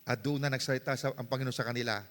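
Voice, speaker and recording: A man with a Filipino accent, preaching a sermon as pastor with passion and mixing Tagalog and English, moving from hushed passages to shouting. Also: medium pitch, fairly even intonation, rapid-fire. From Philippines. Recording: long reverb of a church hall.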